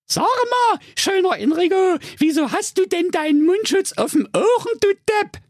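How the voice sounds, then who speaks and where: A man's voice: very high-pitched, lively intonation, measured pace, dry recording, studio quality, voice pushed up. A man voicing a sassy young fairy-tale princess in a comic story, speaking in a cheeky, mocking way.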